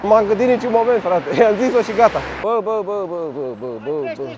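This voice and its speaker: A man giving casual running commentary from his bike on city streets, loud and blunt, swearing freely at other road users. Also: high voice, expressive, lo-fi sound, background noise. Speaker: cycling vlogger. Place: outdoors on city streets in traffic.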